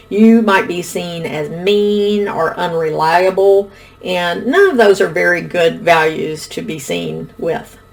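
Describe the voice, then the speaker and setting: A middle-aged woman explaining communication styles in a calm, instructional video lesson. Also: on the low side, creaky. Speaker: relationship educator.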